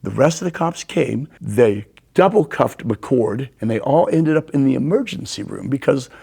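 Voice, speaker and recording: An older man as a guest, telling animated stories and acting out the quotes. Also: mid-range voice, normal speed, gravelly, slightly rough. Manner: animated storyteller, acts out quotes. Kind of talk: storytelling in a conversation.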